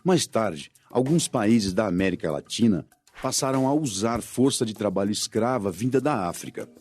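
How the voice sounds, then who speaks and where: Male documentary narrator, lively pitch. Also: normal speed, faint music behind.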